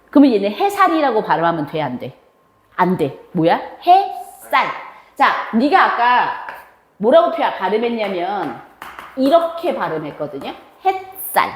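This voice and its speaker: A woman teacher explaining grammar to her class, her pitch rising and falling a great deal as she quizzes the students and answers her own questions. The sound is roomy, with a clear echo around her voice. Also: a little mellow. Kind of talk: classroom lecture.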